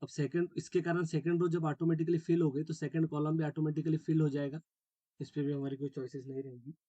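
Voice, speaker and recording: A man's voice: fairly high pitch, flat delivery, fast, dark tone, dry recording, dull audio. A man teaching a math class step by step, often checking that students follow and mixing English terms into his Hindi. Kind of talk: classroom lecture.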